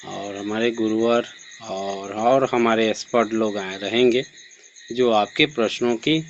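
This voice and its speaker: A man with a fairly low voice closes an online meeting with formal announcements. He speaks very slowly, pausing on hesitant fillers. The sound is dull and lo-fi, as over a video call. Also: a little hiss or hum. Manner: slow, measured, with many hesitation fillers. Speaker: online session moderator.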